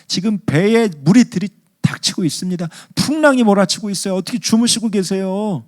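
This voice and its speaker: A man's voice: high-pitched, brisk, a little mellow, voice pushed up, close to an everyday voice. A male pastor voicing a panicked disciple frantically waking his teacher during a storm. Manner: frantic, pleading.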